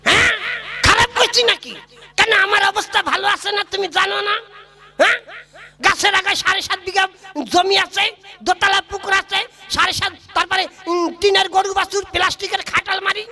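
A woman plays a bumbling young groom in a puppet show, bragging in a blustering, rustic way. The voice is pitched lower than her bride but still high and bright. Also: steady tone, a little fast, full character voice. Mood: boastful. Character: boastful foolish young male groom. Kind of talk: comic puppet-show voicing.

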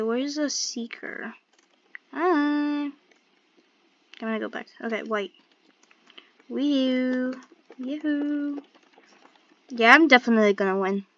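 Girl gamer woman chatting while she plays, excitable, muttering to herself, dry close sound, bit lo-fi. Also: a little high, no room sound. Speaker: game streamer. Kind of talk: casual gameplay commentary.

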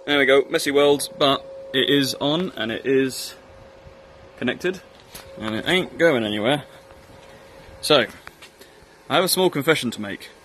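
Slight background noise accompanies a Northern Irish hobby blacksmith's unhurried, fairly bright mid-range voice as he describes a workshop build. Long pauses, lots of ums and uhs, and self-deprecating humor mark his casual narration.

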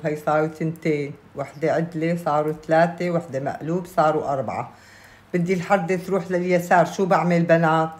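A woman speaks with a Levantine Arabic accent in a slightly low voice. She teaches casually, step by step, like a craft instructor. She repeats key points and often checks that listeners follow. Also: darkish tone. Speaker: knitting instructor. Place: indoors at a table, hands-only camera view.

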